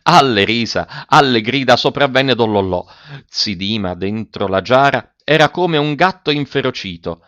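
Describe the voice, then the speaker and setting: A man reads a story aloud with lots of drama. His pitch rises and falls a great deal from line to line, and the recording is close and dry with no echo. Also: normal speed. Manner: dramatic, animated delivery. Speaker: narrator. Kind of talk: expressive storytelling reading.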